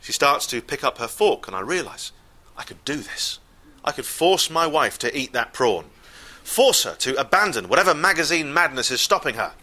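A man telling a comic story live, wry and exasperated, with deadpan asides. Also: medium pitch, moderate pace, hardly any pauses.

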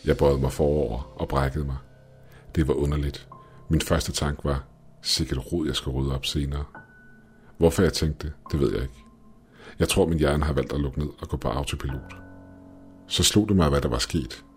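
A man narrating a first-person horror story in a steady, measured way, with faint music behind. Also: extremely low pitch.

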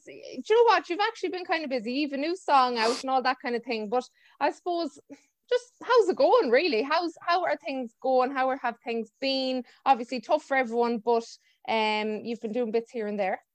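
Woman, west of Ireland accent, fairly high voice, dry sound, chatty informal podcast hosting. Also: moderate pace, no echo. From County Mayo, west of Ireland. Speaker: podcast host. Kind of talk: casual chat. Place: remote video call.

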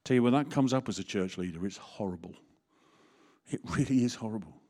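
A man's voice: lowish voice, brisk, dark tone. A man, a vicar preaching a sermon in a candid, conversational way with jokes and asides.

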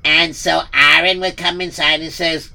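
A man's voice: fairly high pitch, little pitch movement, unhurried, vocal fry, bright, forceful tone. Rambling casual storyteller man. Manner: rambling, casual, filler-heavy. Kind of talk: improvised storytelling narration.

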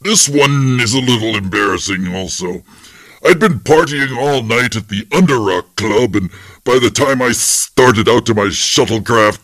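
A man doing a vain, boastful alien warlord with a low voice who talks about slaughter as if it were a holiday snap. The delivery is deadpan and casually brutal, and the sound is dry and close. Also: no room sound. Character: boastful male alien warlord showing off photos.

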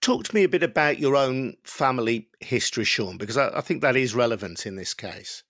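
A man hosting a news podcast, reading a scripted introduction in an earnest, clearly articulated way and then interviewing a guest. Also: medium pitch, animated, a little fast, a bit bright. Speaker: podcast host.

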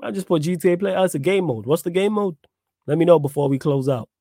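A man's voice: a little high, quick pace, dark tone, no echo, clean studio sound. A man with a London roadman accent hosting a livestream, chatting casually in slang. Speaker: livestream host.

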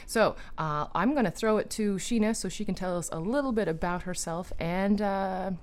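Her voice is medium in pitch and moderate in pace as she hosts a show about spirituality and guided breathing. The woman sounds enthusiastic and wanders, with frequent fillers and restarts.

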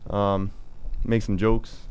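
A man co-hosting a casual sports show, laid-back and jokey, with a voice gone raspy from the morning. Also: lowish voice, flat delivery, takes it slowly, darkish tone. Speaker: podcast co-host.

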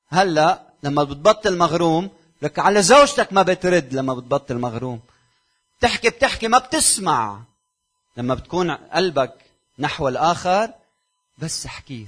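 A man with a Lebanese Arabic accent, preaching a sermon to his congregation, firing rhetorical questions and dropping from loud exhortation to near-whispers. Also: on the high side. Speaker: pastor.

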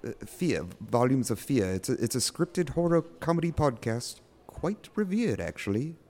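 An actor playing a pompous, eager horror podcast host with theatrical, formal phrasing in a scripted audio drama. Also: male voice, mid-range voice, sing-song, moderate pace, a little mellow, natural voice. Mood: sheepish.

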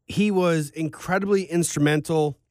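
A man's voice: fairly high pitch, fairly even intonation, moderate pace, a little mellow, no echo, clean studio sound. A man hosting a sports podcast, talking in a casual, rambling, conversational way.

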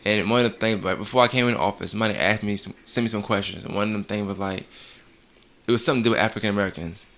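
A young man hosts a relaxed interview, talking quickly with a bright, forceful edge. His voice sits on the lower side, and he chats easily as he asks his questions. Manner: quick, animated, conversational. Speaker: interview host. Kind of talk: casual interview conversation.

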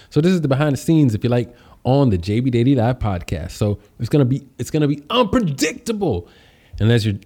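A man hosting a casual live stream as a podcast host and public speaker, chatting in a slangy, exuberant way and greeting viewers. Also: mid-range voice. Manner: upbeat, exuberant greetings and shout-outs; slangy, conversational.

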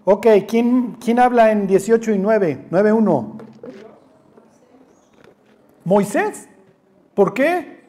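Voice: mid-range voice, expressive, very slow, long pauses, dark tone. A Bible study teacher, who leads an interactive class, jokes, teases the group, quizzes them and acts out quoted voices. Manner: joking, teasing, quizzes the class.

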